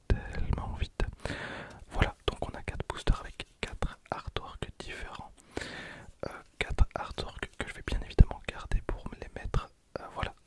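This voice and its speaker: A young man in his 20s gives soft, unhurried ASMR whispers, slowly repeating phrases as he comments on opening card packs. He creates and hosts the video, whispering into a handheld recorder held close.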